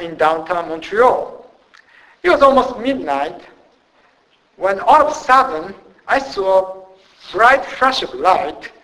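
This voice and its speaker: A Japanese man with a Japanese accent, a missionary preaching a sermon in a church with halting, self-deprecating humor. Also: high voice, fairly bright tone, low-quality recording.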